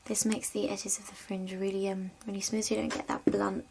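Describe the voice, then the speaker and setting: A woman speaks in a hushed, gentle whisper, slipping now and then into a soft spoken voice as she plays a hairdresser in an ASMR roleplay. Her voice sits at an ordinary middle pitch, and a faint hiss runs beneath the recording. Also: flat delivery, brisk, gravelly.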